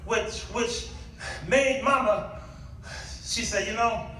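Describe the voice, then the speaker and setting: In a slow, high-sitting voice, a middle-aged American man serving as guest preacher tells funny stories in a lively, declamatory sermon, often posing questions to the congregation. The sound is echoey and distant, captured in a big hall with audience noise around him.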